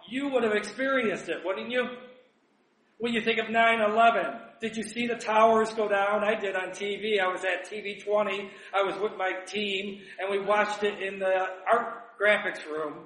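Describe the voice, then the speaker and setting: High bright-voiced man teaching scripture. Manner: chatty, asks rhetorical questions, reads verses slowly. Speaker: Bible teacher. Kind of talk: conversational Bible teaching. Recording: roomy echo, distant mic.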